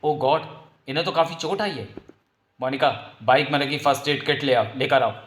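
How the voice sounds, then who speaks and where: A man's voice: mid-range voice, brisk, a bit bright, natural voice. A man playing an earnest, principled young man. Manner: earnest, moralizing. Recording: roomy echo.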